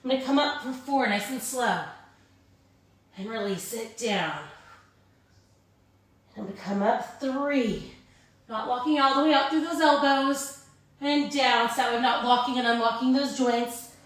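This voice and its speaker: A woman with a fairly high voice instructs a live Pilates class. She cues and counts in an informal, encouraging manner. The recording is very reverberant, with her voice some distance from the microphone. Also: a little slow, long pauses. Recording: very echoey room, distant microphone.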